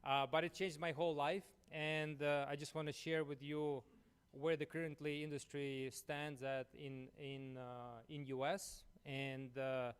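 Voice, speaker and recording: A man's voice: a little high, level tone, measured pace, few pauses, clear, resonant tone. A man from Ukraine with a Ukrainian accent, giving a conference presentation in a chatty way, full of "you know" and "uh". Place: conference room.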